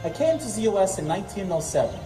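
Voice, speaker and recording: A woman's voice: medium pitch, sing-song, fast, lightly acted. A woman playing a Russian immigrant driver. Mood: recounting. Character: Russian immigrant man, 1917 car driver. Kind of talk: amateur historical reenactment monologue. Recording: roomy, distant, music underneath.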